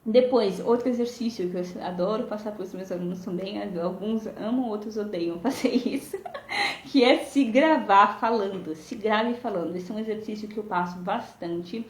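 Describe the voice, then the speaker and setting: A woman's voice: mid-range voice, normal speed, few pauses, reverberant, slight background noise. A woman English teacher with a Brazilian Portuguese accent, giving a chatty live lesson and checking in with "né?" and "tá?". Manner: chatty, explains with many "né?" and "tá?" tags. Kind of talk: live-streamed language lesson. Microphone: phone or webcam.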